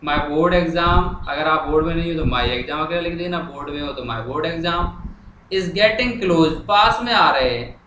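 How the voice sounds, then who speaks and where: An English teacher with a fairly high, bright voice goes through the material line by line at a measured pace, repeating and translating as he goes and often answering his own questions. The room is noticeably echoey, and faint noise can be heard behind him.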